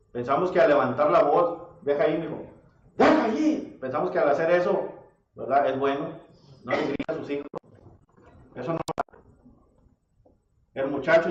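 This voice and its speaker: Man, preacher, sermon, high voice, dull lo-fi sound. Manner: addresses listeners as brother, asks rhetorical questions. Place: church hall. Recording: echoey church audio from far off, dull and slightly noisy.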